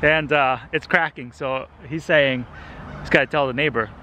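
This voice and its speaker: A man from El Salvador in his thirties runs a gardening channel, chatting casually outdoors in a residential yard as he tastes fruit with enthusiasm. His mid-range voice has a steady tone and normal speed but sounds pushed and bright. A handheld camera at arm's length catches him, along with slight background noise.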